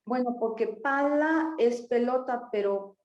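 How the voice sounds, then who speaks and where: Woman student on a video call, talks real slow and unsure, fairly high voice, echoey room, muffled sound. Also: darkish tone. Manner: slow and tentative. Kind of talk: answering in an online language class. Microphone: computer mic on a video call. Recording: roomy, dull video call audio.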